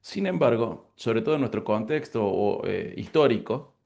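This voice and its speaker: Argentine pastor guy, 40s, a bit gravelly, earnest, prays and talks slow. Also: mid-range voice, lively intonation, darkish tone. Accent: Argentine Spanish (Córdoba). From Córdoba, Argentina. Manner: earnest, grateful, unhurried. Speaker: pastor and lecturer. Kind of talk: prayer and interview answers.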